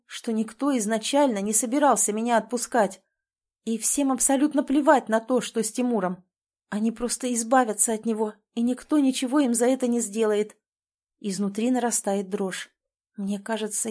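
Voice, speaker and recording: A woman's voice: on the high side, steady tone, normal speed, a little mellow. A woman reading a tense first-person story aloud, with an emotional storytelling delivery. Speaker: audiobook narrator. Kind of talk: first-person audiobook narration.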